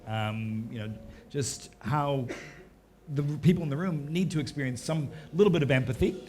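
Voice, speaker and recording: A man's voice: mid-range voice, normal speed, darkish tone. A man moderating a live festival panel, easygoing and conversational as he prompts the speakers. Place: festival stage before an audience.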